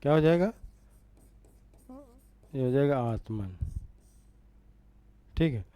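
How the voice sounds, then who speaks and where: A man's voice: medium pitch, animated, slow, mellow. A man teaching an exam-prep grammar lesson, repeating each word and asking rhetorical questions as he writes.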